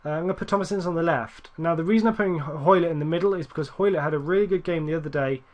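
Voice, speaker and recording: Man, gaming commentary, slightly high voice, rambling, self-correcting, keyboard clicks behind. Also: very fast, lo-fi sound. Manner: rambling, self-correcting, excitable at near misses. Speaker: gaming YouTuber. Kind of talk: casual gameplay commentary.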